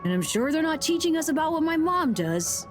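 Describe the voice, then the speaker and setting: A curious, mischievous schoolboy explorer in a video game. The kid is casual and cheeky, a little world-weary and conspiratorial. Music plays clearly behind the voice. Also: female voice, high voice, sing-song, fairly quick. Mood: pensive. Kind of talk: video game character dialogue.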